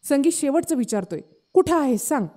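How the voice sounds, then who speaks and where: A woman's voice: high-pitched, expressive, moderate pace, mellow. A woman voicing an eager, impatient young village man chasing his sweetheart. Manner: pleading, impatient calling out.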